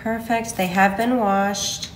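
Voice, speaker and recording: A woman hosts a relaxed cooking video at home, talking slowly through each step. She gushes with excitement over the dish. Her voice carries a roomy echo with faint kitchen clatter behind it. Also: mid-range voice, a little hiss or hum. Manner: enthusiastic, gushing over food. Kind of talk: casual cooking demo.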